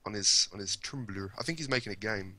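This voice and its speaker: A man's voice: on the low side, brisk, sharp tone. A young man co-hosting a casual podcast chat, rambling and hesitant, easily amused. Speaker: podcast co-host.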